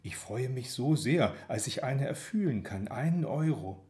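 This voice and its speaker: A man reads a first-person story aloud, measured and expressive. His intonation rises and falls in a very lively way, while his pitch sits in the middle. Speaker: narrator. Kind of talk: audiobook narration.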